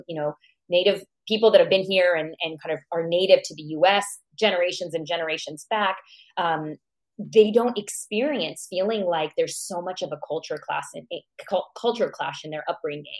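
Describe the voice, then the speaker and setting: The audio is poor as this Iranian-born, American-raised psychologist tells reflective stories about her life, posing questions to herself as she thinks aloud. Her voice sits lowish.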